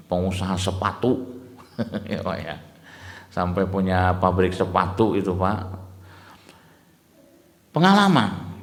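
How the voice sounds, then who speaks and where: A man giving a dawn lecture sermon, telling animated stories and often addressing the listeners as "Pak". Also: on the low side. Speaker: Islamic preacher. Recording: echoey hall with long reverb.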